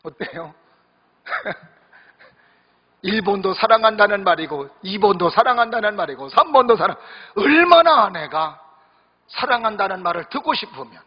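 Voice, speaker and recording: A male pastor gives a sermon in a high, husky voice, chatting and joking with his congregation. The sound carries a long hall reverb. The recording is muffled and lo-fi. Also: lively intonation, normal speed, pauses often. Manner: conversational, joking, addresses congregation directly. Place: church sanctuary during worship service. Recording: echoey hall, dull lo-fi sound.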